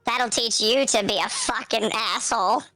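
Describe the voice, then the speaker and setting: A man playing a tabletop game speaks an in-character line through a high chipmunk voice changer that makes him sound squeaky and artificial. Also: steady tone, normal speed, pushed and bright, soft background music, exaggerated voice, rough recording. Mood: snarky.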